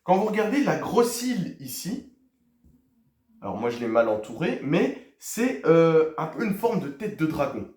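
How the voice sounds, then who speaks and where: Male language teacher, drawn-out and animated delivery, quizzes viewers, repeats words to drill them. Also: on the high side. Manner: teacherly, poses quiz questions to viewers; hesitant fillers, repeats key words. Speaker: Spanish teacher. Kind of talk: video lesson. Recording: echoey room.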